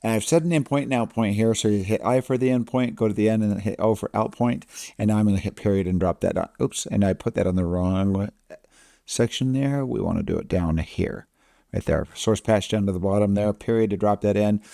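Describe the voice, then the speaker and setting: A man narrating a casual software tutorial as an editing instructor, recorded as a close voice-over. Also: fairly low pitch, brisk, creaky, no room sound.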